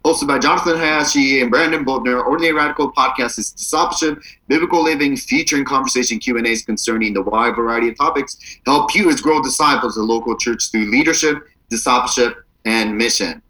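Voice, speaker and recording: Male podcast co-host, bright voice, goofy and playful, remote call audio. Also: medium pitch, brisk, hardly any pauses, rough recording. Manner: jokey, playful, goofy outbursts. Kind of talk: casual podcast chat. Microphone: remote recording over the internet.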